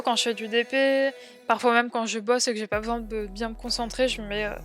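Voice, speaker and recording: A woman's voice: fairly high pitch, a bit bright. A young woman with a French accent, chatting casually on a livestream, reading out and answering viewers' comments with many fillers. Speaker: streamer.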